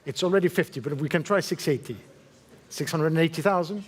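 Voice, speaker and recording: A male fine art auctioneer with a high-pitched voice calls a live sale. He repeats the figures in short phrases and courteously nudges bidders with brief questions. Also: fast talker, husky. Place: auction saleroom in London.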